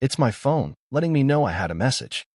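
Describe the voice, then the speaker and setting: A man reading a scripted horror story aloud as narrator, with a lively, expressive delivery. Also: mid-range voice, brisk, no room sound, clean studio sound.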